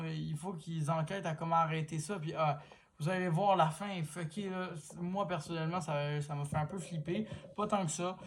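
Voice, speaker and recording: Man, fairly high voice, eager and rambling casual movie review. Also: darkish tone, slight background noise. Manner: enthusiastic, rambling, restarts sentences. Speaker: film reviewer. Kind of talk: casual film review monologue.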